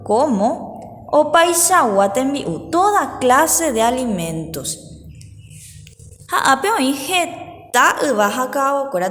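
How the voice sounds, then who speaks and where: A woman teacher giving a patient lesson to pupils, slowly repeating each word for them to say back. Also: fairly high pitch, fairly bright tone, long reverb tail. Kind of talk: remote class lesson.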